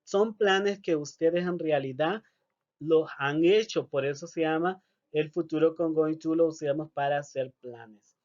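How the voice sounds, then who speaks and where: Slow-talking male English teacher, lo-fi. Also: on the high side, darkish tone. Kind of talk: recorded video lesson.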